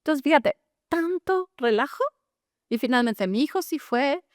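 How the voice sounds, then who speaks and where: A woman's voice: sits high, animated, a little slow, dry recording, clean studio sound. A middle-aged woman, a therapist telling her own story in an interview, earnest and full of tag questions. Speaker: gestalt therapist, guest.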